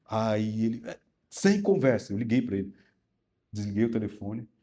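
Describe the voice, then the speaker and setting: A middle-aged Brazilian man preaching a sermon, telling a personal story with animated swings between loud and soft. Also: lowish voice, normal speed. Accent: Brazilian Portuguese. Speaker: pastor.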